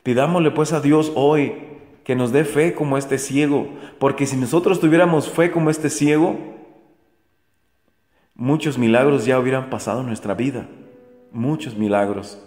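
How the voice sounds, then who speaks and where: A man preaching with earnest, repeated questions to his listeners. His voice sits at an ordinary middle pitch and rings with a long reverb. Soft music plays underneath. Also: normal speed. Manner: earnest, repetitive rhetorical questions to the faithful. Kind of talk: daily gospel reflection. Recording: echoey room with soft music.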